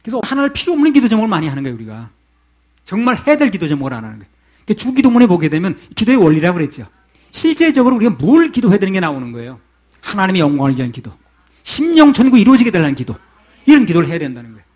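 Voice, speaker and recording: Male pastor, middle-aged, rapid conversational sermon delivery with a slightly raised pitch. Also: huge pitch swings, darkish tone. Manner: conversational preaching, asks the congregation questions.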